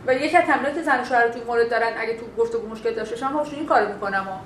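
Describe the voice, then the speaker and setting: A woman teaches a class in a lively, animated way, often slipping into quoted lines of dialogue to make her point. Her voice sits a little high. The room is echoey, with faint background noise. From Bakhtiari heritage. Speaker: instructor. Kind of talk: classroom lecture on communication.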